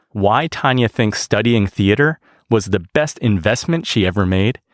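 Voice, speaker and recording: A man's voice: fairly low pitch, no room sound, studio quality. A man hosting a podcast, reading an upbeat scripted introduction and then interviewing his guest outdoors in a park. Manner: upbeat, announcer-like delivery. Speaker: podcast host.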